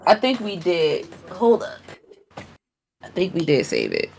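A woman's voice: on the low side, wildly swooping pitch, measured pace, creaky, darkish tone, a little hiss or hum. American woman talking with dental aligners in. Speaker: podcast co-host. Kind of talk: casual banter.

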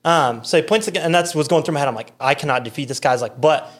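A man with an American accent, a podcast guest, telling a story in casual, animated chat with lots of fillers and quoted voices. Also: a little high, fast talker.

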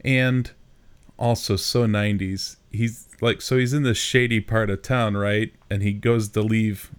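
A man's voice: lowish voice, fairly even intonation, a little slow, clean tone. A man casually chatting as a podcast co-host, recapping a film and poking fun at its dated details. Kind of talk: casual chat recapping a movie.

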